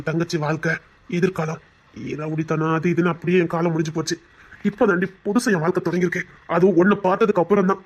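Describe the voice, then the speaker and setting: A woman's voice: on the low side, husky. A woman voicing a playful young man in love, a former rowdy now working as a bank manager, in a Tamil audio drama. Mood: earnest. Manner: fast, playful, coaxing.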